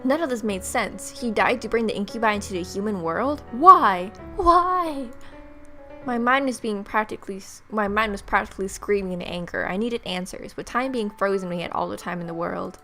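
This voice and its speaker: This let's play host has a medium-pitched voice and talks at a normal speed. She performs the game text with dramatic, expressive flair, drops in offhand comments, and has music running in the background.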